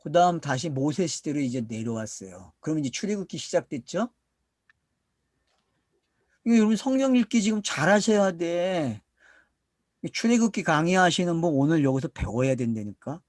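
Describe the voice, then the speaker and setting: A middle-aged man from South Korea preaches to his congregation with a fairly high, very animated voice that swings widely in pitch. He poses questions and answers them himself, drawing out key words for emphasis. The recording is dry and close. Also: normal speed, dry recording. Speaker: pastor. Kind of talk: sermon, Bible teaching to a congregation.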